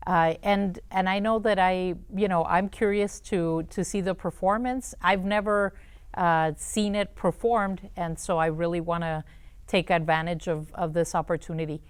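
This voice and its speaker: A woman hosting a talk show, interviewing in a conversational way with hesitant, halting phrasing. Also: on the low side, fairly even intonation, clear, resonant tone, no room sound.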